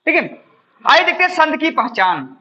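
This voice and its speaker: A man teaching grammar in a bright, sharp voice whose pitch swings widely as he talks. He asks his own questions, answers them himself, and keeps checking in with "ठीक है". The recording sounds dull and lo-fi. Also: very animated, moderate pace. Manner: addresses viewers as friends, explains step by step. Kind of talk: exam-prep classroom lesson.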